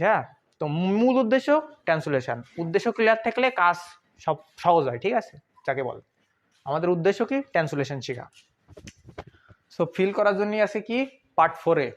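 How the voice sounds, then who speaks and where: A man's voice: sits high, lo-fi sound. A young man teaching an online grammar lesson in a chatty, informal way, asking questions and answering them himself.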